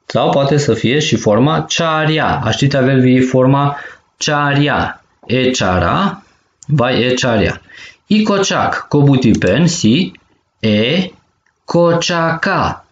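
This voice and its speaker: Guy teaching kids, romani accent, sounds out syllables slow, lively pitch, echoey dull recording. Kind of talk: first-grade language lesson.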